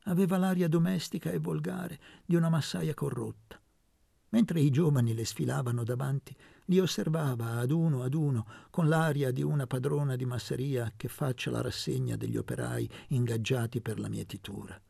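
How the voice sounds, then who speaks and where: A man reading a novel aloud as an audiobook narrator, in a measured, steady way. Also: medium pitch, vocal fry, husky, dry recording. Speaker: audiobook reader. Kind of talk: scripted narration.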